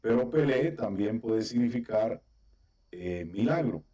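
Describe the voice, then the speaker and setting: A man's voice: on the low side, lively intonation, a little slow, dark tone. A man teaching a Biblical Hebrew class over a video call, explaining patiently step by step and often checking with his students. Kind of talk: online class instruction.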